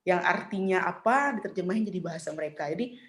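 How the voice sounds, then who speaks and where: A middle-aged Mandarin teacher speaks in a lowish, animated voice during an online class. She is chatty and patient, saying the tones slowly for her students to copy.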